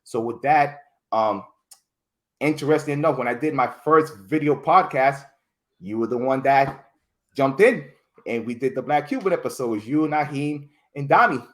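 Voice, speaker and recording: A man's voice: medium pitch, moderate pace, fairly bright tone. A man chatting as an interview guest, telling his story in a loose, rambling way. He restarts words, leans on "like" and "you know", and livens up when he quotes other people. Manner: rambling, restarts words often, many fillers. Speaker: podcast guest. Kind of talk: casual interview chat.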